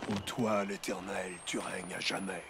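A man's voice: deep voice, level tone, measured pace, creaky, noisy background. An actor playing a fanatical religious man in a horror game, chanting prayers solemnly. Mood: solemn, ominous. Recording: game audio under loud music.

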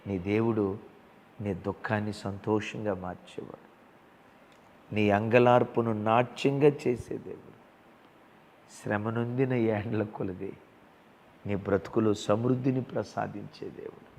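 A man preaching an emotional sermon, swelling loud and then dropping to a hush. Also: on the low side, fairly even intonation, unhurried, gravelly, pauses often, slight background noise. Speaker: pastor. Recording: long hall reverb.

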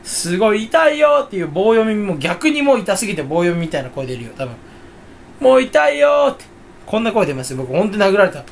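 A man's voice: high voice, animated, fast, slight background noise. A man talking to himself in a casual, rambling solo monologue, joking and mocking himself. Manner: self-mocking, jokey, rambling. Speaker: channel host.

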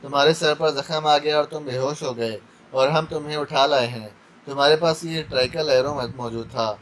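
A man's voice: a little high, steady tone, moderate pace, a bit bright, a little hiss or hum, natural voice. A man voicing a cold male interrogator who threatens a captive in an icy tone. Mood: threatening.

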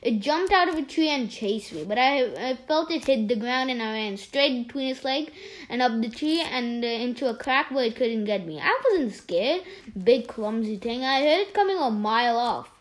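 A woman's voice: on the high side, expressive, moderate pace, natural voice. A woman voicing a boastful, mocking young male centipede in a storybook reading. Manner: taunting, boastful.

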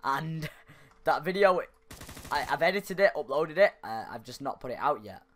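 His voice sits on the high side, bright and lively in intonation, at a moderate pace. A young gaming YouTuber, he chats through his gameplay close to a desk microphone, yelping and laughing when things go wrong.

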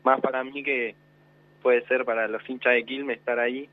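Young Argentine footballer on a tinny phone line, modest short replies. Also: male voice, mid-range voice, little pitch movement, moderate pace, dry recording. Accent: Rioplatense Spanish. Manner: short modest answers, soft-spoken. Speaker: young football player, guest.

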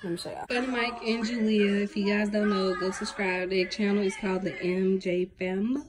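A woman's voice: medium pitch, steady tone, brisk, noisy background. Chatty young woman vlogging casually. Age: late teens. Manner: chatty, slangy, talks straight to viewers. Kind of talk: casual vlog chat.

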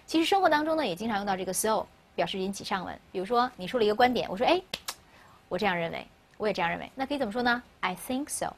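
A woman's voice: medium pitch, lively intonation, rapid-fire, a little hiss or hum. A woman teaching an English grammar lesson in Mandarin, a native Mandarin speaker who asks her class questions and answers them herself. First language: Mandarin Chinese.

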